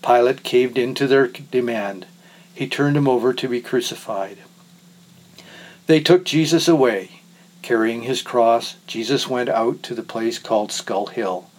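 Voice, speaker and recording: A man giving a measured, solemn reading of scripture. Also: medium pitch, rough recording. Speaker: scripture reader.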